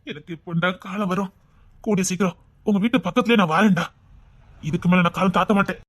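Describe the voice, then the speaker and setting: A performer with a Tirunelveli accent playing a tender, doting old grandfather in a comedy skit, talking slowly and fondly. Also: mid-range voice, steady tone, a bit bright, no echo, lightly acted. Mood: sorrowful. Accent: Tirunelveli Tamil. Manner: slow, fond and pleading, breaking into sobs. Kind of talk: skit acting.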